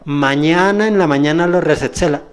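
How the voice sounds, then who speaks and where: A man's voice: on the high side, moderate pace, smooth, lightly acted. A man voicing a kindly, insistent male spiritual teacher who soothes and repeats himself. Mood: coaxing. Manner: soothing, coaxing, repeats his words.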